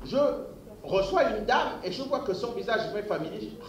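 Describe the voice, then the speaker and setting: A man, a mayor, tells an animated joke to a wedding crowd and acts out every voice. His voice sits high for a man. The sound rings through an echoey hall over the noise of a busy crowd. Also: a little fast. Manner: animated storyteller, acting out voices. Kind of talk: humorous anecdote told to a crowd.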